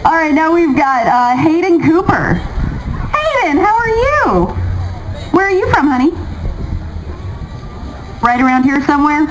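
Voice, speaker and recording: A woman's voice: sits high, big pitch swings, measured pace, pauses often. A woman hosting a live contest, chatty and encouraging as she banters with contestants. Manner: chatty, encouraging, laughs often. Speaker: contest host and emcee. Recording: loud outdoor festival crowd noise.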